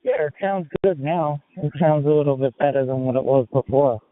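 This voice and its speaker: A man's voice: fairly high pitch, brisk, no room sound. A man, an amateur radio operator, speaking over a radio link in a friendly, hesitant way with fillers. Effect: heard over a radio link. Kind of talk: ham radio contact. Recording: tinny narrow radio audio.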